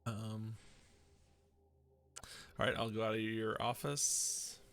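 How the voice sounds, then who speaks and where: A man with a gravelly, fairly low voice plays his character in a tabletop game. His phrasing is formal and measured, like an agent reporting in. Faint music sits in the background. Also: level tone, fairly bright tone. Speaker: player.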